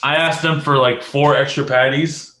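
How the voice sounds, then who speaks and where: A man's voice: mid-range voice, steady tone, moderate pace, bright, forceful tone, reverberant, slight background noise. A man co-hosting a podcast, telling a long story in casual chat, full of fillers and restarts. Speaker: podcast co-host.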